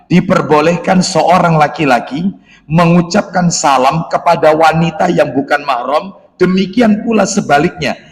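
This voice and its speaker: A man preaching a religious lesson in a mosque, lively and stern, acting out little dialogues. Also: high voice, gravelly. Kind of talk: religious study sermon. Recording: echoey mosque hall.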